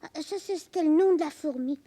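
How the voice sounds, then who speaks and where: An actress voicing a lively, curious little girl on a children's TV show. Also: high voice, fairly quick, no room sound, natural voice. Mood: eager. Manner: eager, childlike, bragging. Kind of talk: children's TV acting.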